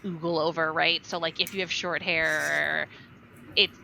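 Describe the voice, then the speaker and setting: A woman's voice: sits low, little pitch movement, a little slow, creaky, background noise. A woman on a podcast, reasoning aloud in a thoughtful, hesitant way with many fillers. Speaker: podcast guest or co-host. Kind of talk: casual chat.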